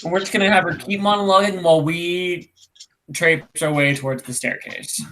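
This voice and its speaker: A man's voice: high voice, normal speed, sharp tone, slight background noise. A man chatting casually as a player in a tabletop game.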